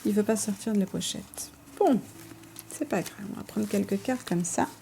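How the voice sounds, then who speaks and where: Chatty woman, mellow voice. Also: medium pitch, moderate pace, creaky, a little hiss or hum. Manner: chatty, hesitant, many fillers and self-corrections. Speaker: vlogger showing her tarot collection. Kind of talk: casual show-and-tell.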